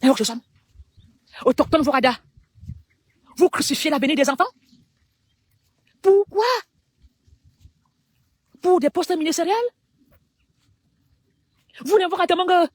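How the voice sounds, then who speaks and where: A woman's very high voice, recorded with no echo, carries a Cameroonian French accent as she makes a fervent public appeal. She punches out short phrases and leaves dramatic pauses between them.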